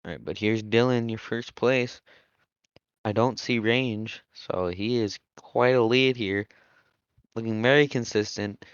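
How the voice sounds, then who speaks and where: A young man calls an online motocross race in a relaxed, chatty way, thinking aloud and laughing now and then. His voice sits a little low and sounds smooth and clear. The recording is dry and a bit dull, like a lo-fi close mic. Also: measured pace, dry recording. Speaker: race commentator and server admin. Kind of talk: casual live race commentary.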